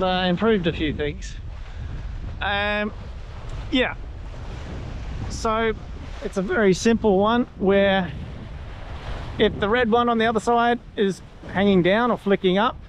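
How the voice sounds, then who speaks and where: A man explaining sail trim in a casual, hands-on way while standing on the deck of a catamaran at sea, pointing things out as he goes. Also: high voice. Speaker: sailing instructor. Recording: loud wind noise on the mic outdoors.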